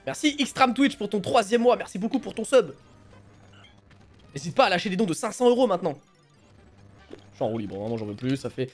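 A woman streaming a game live, chatting casually and excitably with her audience and her co-player, often breaking into laughter. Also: mid-range voice, fairly quick, long pauses, faint music behind. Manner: excitable, bursts of laughter, teasing. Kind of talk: casual live-stream chat while gaming.

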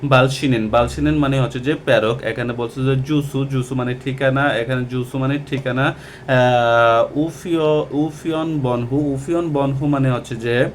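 A man teaching Korean vocabulary from a textbook, talking slowly and repeating each word with many hesitations. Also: medium pitch, steady tone, slight background noise. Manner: slow and repetitive, with many hesitations. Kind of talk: textbook lesson explaining vocabulary.

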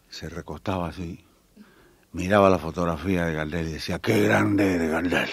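A man's voice: sits low, dry recording. A man telling jokes to a live audience, acting out each character's lines. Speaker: stand-up comedian.

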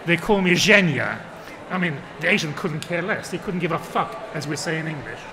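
A man's voice: fairly high pitch, quick pace, a crowd in the background. A man on a book fair panel reading his translated excerpt aloud and explaining it, voicing the characters' lines as he goes. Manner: acts out the characters' lines in shifting voices.

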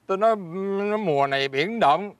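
A man's voice: high-pitched, expressive, brisk, no echo. A meek old fisherman. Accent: Southern Vietnamese. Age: older. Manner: chuckling, hesitant fillers. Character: poor old fisherman, meek, easygoing, laughs a lot. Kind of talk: fairy-tale drama acting.

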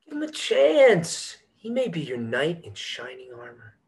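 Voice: medium pitch, wildly swooping pitch, unhurried, creaky, exaggerated voice, low-quality recording. An actor reading a cocky, teasing young singer. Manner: teasing, wisecracking. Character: young male band singer, cocky and joking. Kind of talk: script read-through.

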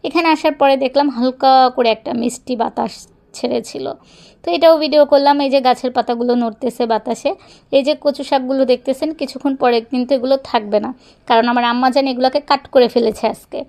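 Young mom vlogging outdoors on her phone, quick chatty talk, lots of filler, high voice. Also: steady tone, creaky, a little mellow. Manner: chatty, rambling, fond of filler phrases. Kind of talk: casual vlog narration while walking. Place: outdoors on a neighborhood walk.

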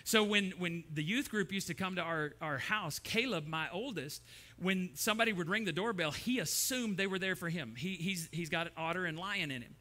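A man's voice: sits high, moderate pace, pushed and bright. A middle-aged man preaching a sermon, telling stories and acting out the voices in them. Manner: storytelling, acts out voices in his anecdotes. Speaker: pastor. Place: church sanctuary.

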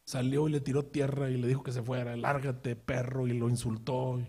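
A man preaching a sermon as pastor, telling a story with rhetorical questions and acted-out quotes, swinging from quiet asides to loud outbursts. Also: medium pitch, little pitch movement, fairly quick, slightly rough.

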